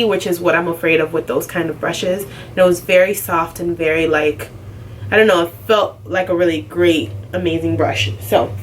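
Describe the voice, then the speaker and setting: A woman's voice: lowish voice, fairly bright tone. Chatty young woman vlogger, slightly distant. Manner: chatty, lots of "like" and "um". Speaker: beauty vlogger. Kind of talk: casual unboxing chat. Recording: slightly distant, faint background noise.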